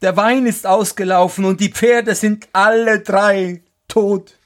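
A man's voice: medium pitch, very animated, slow, pitched above the performer's own voice, exaggerated voice. A man playing a stubborn, self-pitying male carter in a spoken fairy tale, grumbling dismissively and wailing over his losses.

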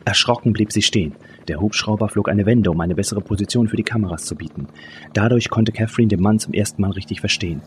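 A man's voice: lowish voice, quick pace, slight background noise. A man reading a thriller audiobook in tense, dramatic scripted narration. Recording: narration over music. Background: music.

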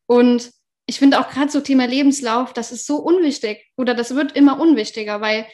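A woman's voice: high-pitched, a little fast, a little mellow. A young woman telling her work story in a casual podcast chat, laughing often between fillers. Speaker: podcast guest.

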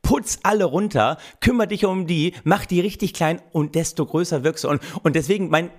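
Higher-voiced man ranting in mock seriousness. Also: normal speed. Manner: mock-solemn, building up rants with repeated slogans. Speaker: podcast co-host. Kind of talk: satirical podcast banter.

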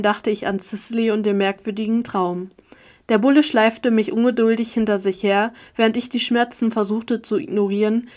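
A woman reading a first-person story aloud as an audiobook narrator, with an even, steady delivery. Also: mid-range voice. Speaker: audiobook reader.

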